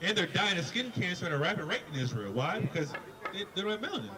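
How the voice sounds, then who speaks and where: A man's voice: high-pitched, sing-song, quick pace, rough recording. Emphatic street preacher man, crowd behind. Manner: emphatic, repeats words while pushing his point. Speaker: street preacher questioning a passerby. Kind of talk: street debate.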